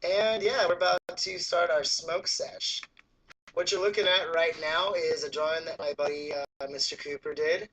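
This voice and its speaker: A man's voice: a little high, fairly even intonation, normal speed, a bit bright, faint music behind, poor audio. A man hosting a casual smoking show, talking like a crude, slangy stoner. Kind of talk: casual chat. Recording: noticeable background noise.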